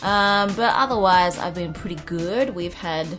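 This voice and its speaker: An Australian woman hosts a casual chat in a lowish voice. She sounds a little phlegmy, as if under the weather with a cold, and is drily self-deprecating. There is faint music in the recording. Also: unhurried, fairly bright tone. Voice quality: slightly phlegmy. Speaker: podcast host.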